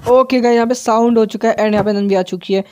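A man giving live gameplay commentary for his channel, tense and excitable, dropping English words into his play-by-play. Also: sits high, quick pace, slight background noise. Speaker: gaming channel host.

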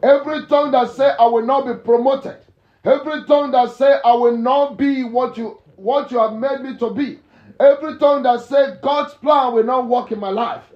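Fervent high-voiced male pastor preaching. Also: steady tone, moderate pace. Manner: fervent preaching with repetition, sudden shouts. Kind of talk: sermon and morning prayer. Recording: echoey, dull lo-fi church recording.

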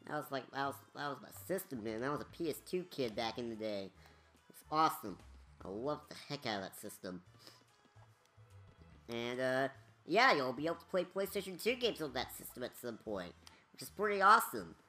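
A woman's voice: very deep voice, very animated, normal speed, pushed and bright, faint music behind. A woman giving casual, rambling commentary over a game walkthrough, chatty with many fillers.

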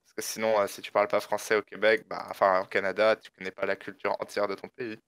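A man's voice: lowish voice, level tone, quick pace, fairly bright tone, clean tone, no room sound. A man chatting casually with a teasing, rambling manner while playing a game. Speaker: game co-player. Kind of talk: casual gameplay chat.

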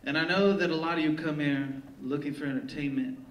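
A man's voice: fairly high pitch, brisk. Wry man telling stories on stage. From Long Beach, California. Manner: wry, deadpan, profane humor. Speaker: storyteller, poet. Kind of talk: live comic storytelling. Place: theater stage before a live audience. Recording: echoey theater, distant mic, crowd laughter.

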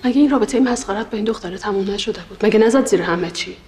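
A woman's voice: medium pitch, a little mellow, lightly acted. An actress playing a young woman pleading with her cousin, whom she loves, speaking in an insistent, pleading way. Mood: accusing. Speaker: actress in a TV drama. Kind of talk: TV drama acting. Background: music score.

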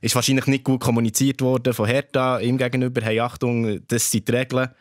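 A man's voice: medium pitch, flat delivery, fairly quick, dry recording, studio quality. A man with a Swiss German accent, a podcast guest talking football and thinking aloud with restarts. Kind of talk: casual football chat.

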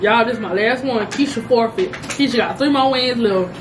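A woman's voice: a little high, moderate pace, background noise. A young woman chatting casually in slangy, profane talk while eating, her mouth burning from hot, spicy food. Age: young adult. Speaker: food challenge vlogger. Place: indoor dining room at home.

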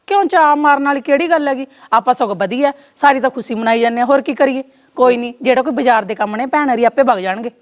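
A woman playing a young daughter-in-law who speaks softly and calmly, with a Punjabi village accent. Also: sits high, quick pace, hardly any pauses, lo-fi sound, lightly acted. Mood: placating. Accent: Punjabi village speech. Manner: soft, placating, hushing others.

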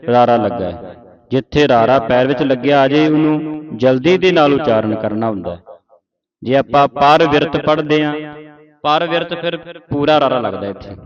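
A man from Punjab slowly teaching scripture pronunciation, saying each word deliberately and chanting the verses in a sung tone. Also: medium pitch. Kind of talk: slow recitation lesson with call and response. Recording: muffled audio over a gathered group. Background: group of students in the room.

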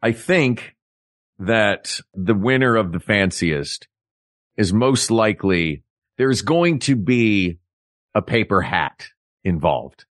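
Animated man hosting a comedy podcast. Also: slow, dry recording, studio quality. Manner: animated, playful, builds up jokes with big pitch swings. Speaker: podcast co-host. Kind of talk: comedic casual chat.

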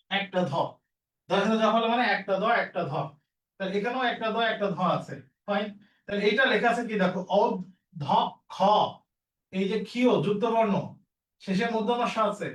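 A man's voice: high-pitched, fairly bright tone, echoey room, far from the mic, poor audio. A man teaching an exam-prep lesson, repeating each rule and quizzing his students as he works through the questions. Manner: repetitive, drilling rules with questions to students.

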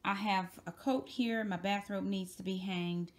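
A woman's voice: mid-range voice, steady tone. A middle-aged woman vlogging casually about tidying her bedroom, talking in a chatty, upbeat way into a phone camera held at arm's length. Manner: chatty and upbeat, drawn-out emphasis. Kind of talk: casual cleaning vlog. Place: bedroom in a home.

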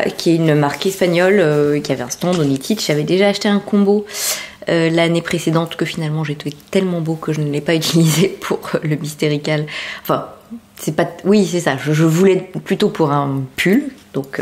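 Lower-voiced woman chatting with many fillers. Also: fairly quick, a little mellow. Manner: chatty, many hesitations and fillers, showing items to camera. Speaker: podcast host. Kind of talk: casual knitting and sewing podcast chat.

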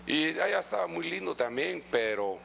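Gravelly Guatemalan preacher man. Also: on the high side, sing-song, normal speed, slight background noise. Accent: Guatemalan Spanish. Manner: impassioned, swinging from loud exhortation to hushed asides; conversational, addressing listeners as brother. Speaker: pastor. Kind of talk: preaching sermon.

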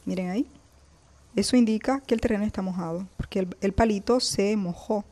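Out on her balcony, a gardening vlogger films her plants and talks straight to her audience in a relaxed way, highlighting what she sees. Her voice is medium in pitch, warm, and brisk.

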